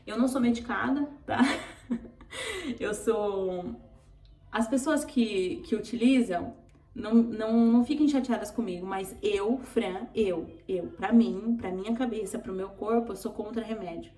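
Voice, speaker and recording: A woman's voice: mid-range voice, a little slow, mellow. A Brazilian woman vlogger telling an emotional personal testimony, earnest and tearful, repeating words for emphasis. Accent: Brazilian Portuguese. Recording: roomy, distant from mic.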